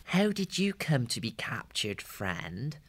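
A man's voice: medium pitch, very animated, breathy edge, voice pushed up, full character voice. A man doing a cheeky young hedgehog. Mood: friendly. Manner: soft, quick-witted, cheeky. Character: young male hedgehog, cheeky lock-picking captive. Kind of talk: audiobook character voice.

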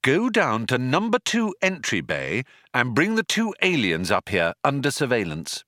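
A patient, compassionate woman acted out by a man, firm yet soothing. The lines lilt with very lively pitch, recorded dry for a storybook. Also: a little slow, dry recording, exaggerated voice. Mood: brisk, firm. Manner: lilting, soothing.

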